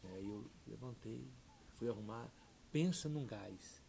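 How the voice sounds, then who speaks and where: A middle-aged man, a pastor telling a heartfelt personal testimony, dropping soft and low then rising loud and excited. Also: a little slow, creaky, slight background noise. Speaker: pastor and podcast guest.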